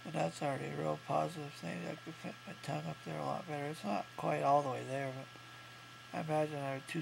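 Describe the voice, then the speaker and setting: A man in his thirties talking casually in a low-key, halting way to a video diary, congested and swollen-mouthed after surgery. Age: 30s. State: congested, can't breathe through nose. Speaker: vlogger recovering from jaw surgery. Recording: clearly noisy home recording with hum.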